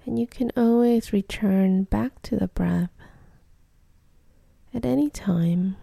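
Almost whispering, a woman leads a meditation in a dark, deeply relaxed voice with a gravelly, breathy edge. She speaks slowly and gently with long pauses, and the recording is close and dry, with no echo or room sound.

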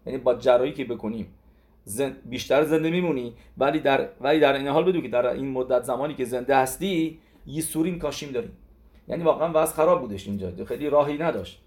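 Male Torah teacher, conversational lesson, animated storyteller. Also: medium pitch. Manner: animated storytelling with repeated "he says" and restarts. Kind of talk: Torah lesson in casual spoken Persian.

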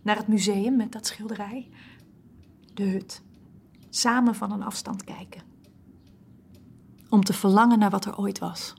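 A woman's voice: mid-range voice, fairly even intonation, unhurried, creaky, long pauses, breathy edge. An actress playing a hurt, distrustful young woman with a reproachful manner in an audio drama. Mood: wistful. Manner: reproachful, then wistful.

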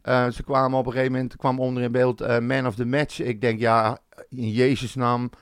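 A man's voice: mid-range voice, level tone, fast talker, smooth, no echo. Frank man, dry close sound. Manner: opinionated, frank. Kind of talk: casual chat.

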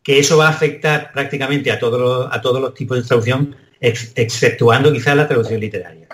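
A man's voice: medium pitch, steady tone, brisk, reverberant. A man from Spain with a Spanish accent, a translation professor answering interview questions thoughtfully, with hesitant restarts. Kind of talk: conversational interview.

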